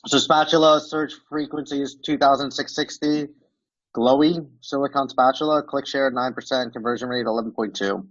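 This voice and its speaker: The recording is muffled with no room sound, carrying a man's medium-pitched, steady voice at a moderate pace. He has an American accent mixed with Romanian. He's a podcast guest expert demoing software, describing what's on screen in a loose, casual way full of fillers like "like" and "um."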